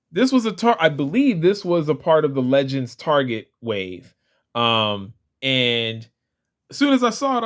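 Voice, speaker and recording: A man's voice: on the high side, fairly bright tone. A man vlogging a casual toy figure review, chatty and rambling, often restarting his sentences. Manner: chatty, rambling, self-correcting.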